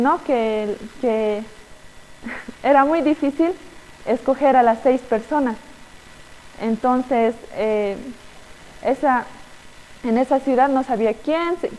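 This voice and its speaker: A young woman, teaching children and telling a story in a halting way, with many fillers and tag questions. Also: high voice, a little mellow, big-room sound, poor audio. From Bolivia. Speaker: children's Sunday school teacher.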